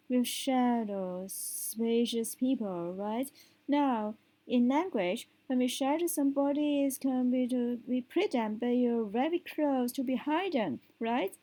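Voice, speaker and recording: A woman teaching English speaking tips, explaining step by step and often checking in with a quick question. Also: a little high, mellow, low-quality recording. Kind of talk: spoken language lesson.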